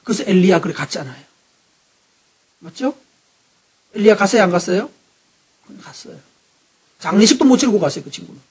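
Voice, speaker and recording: A male pastor delivers an animated sermon in a high, somewhat husky voice. He keeps tossing questions to his congregation. His delivery swings between loud emphasis and quiet, hushed asides. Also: a little fast, pauses often. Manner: asks the congregation frequent rhetorical questions.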